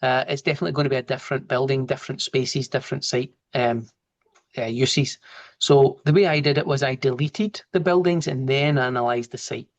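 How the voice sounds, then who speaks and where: Brisk and medium-pitched, this broad-accented Glasgow man teaches software in a casual live video-call session, explaining each step as he works and taking questions.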